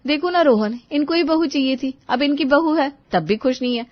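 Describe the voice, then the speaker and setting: A woman's voice: high voice, expressive, moderate pace. A woman voicing a bossy, lazy young daughter-in-law in a cartoon, ordering her mother-in-law around. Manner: bossy, mocking. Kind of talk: cartoon voice acting. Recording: dull lo-fi voice-over.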